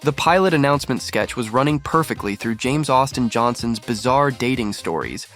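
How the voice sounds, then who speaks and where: A man's voice: medium pitch, expressive, normal speed. A man reading scripted narration for a compilation video. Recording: music under the voice. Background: background music.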